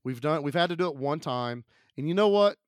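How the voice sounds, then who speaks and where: A man with a slightly raised pitch talks through a stuffy, sick-sounding voice as he co-hosts a movie podcast. He rambles in an upbeat, chatty way, and the recording is close and dry with a smooth, clean tone. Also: animated, a little fast, dry recording. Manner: chatty, upbeat, frequent fillers. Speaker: podcast co-host. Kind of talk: casual podcast chat.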